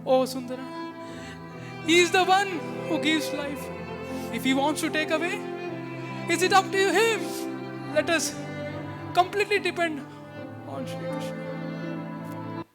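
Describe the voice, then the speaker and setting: Woman playing a poor, devout, gentle husband. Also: high-pitched, a little slow, pauses often. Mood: consoling. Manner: soft, consoling and preachy. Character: poor devout middle-aged man, gentle and trusting. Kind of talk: amateur devotional stage drama. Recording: sad violin music underneath.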